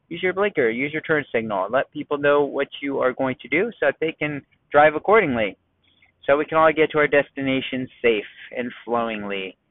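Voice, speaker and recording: A man hosting a casual solo podcast from his car in traffic, chatty and quickly worked up, firing off rhetorical questions. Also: on the high side, dry recording. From United States. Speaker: podcast host. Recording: tinny phone-like dry sound.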